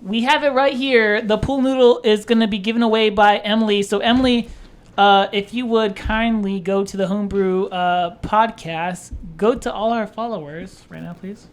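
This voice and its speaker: A woman's voice: medium pitch, fairly even intonation, normal speed. A young woman co-hosting a casual podcast, playfully running a giveaway segment. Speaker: podcast co-host.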